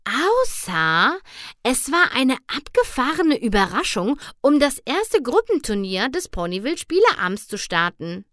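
A woman's voice: sits high, very animated, unhurried, a bit bright, no room sound, clean studio sound, pitched above the performer's own voice, heavily acted. A woman voicing a bubbly party pony mare who muses aloud in a storybook reading. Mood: musing. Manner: musing.

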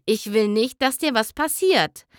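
A woman's voice: on the high side, unhurried, no room sound, clean studio sound, close to an everyday voice. Woman putting on a worried young pony mare. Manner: anxious, gentle.

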